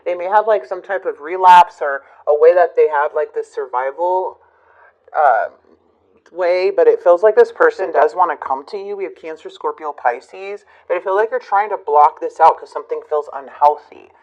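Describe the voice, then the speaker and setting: A woman reading tarot cards for her channel, talking reflectively with many fillers and pauses. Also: lowish voice, a little mellow, highs cut off. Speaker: tarot reader.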